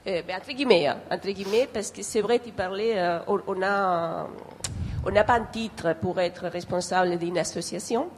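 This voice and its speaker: A woman's voice: mid-range voice, normal speed, a little hiss or hum. A woman with a foreign accent, not a native French speaker, speaking earnestly and hesitantly off the cuff, repeating phrases as she searches for words. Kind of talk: spontaneous remarks at a public discussion.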